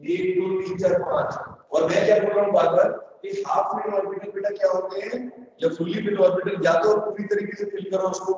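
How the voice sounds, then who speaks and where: A man's voice: sits high, lively intonation, fairly quick, a little mellow. A male teacher in an online class, quizzing his students in sing-song prompts, his voice carrying the heavy echo of a big empty room. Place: large empty room with doors open. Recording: echoey empty hall, distant dull mic.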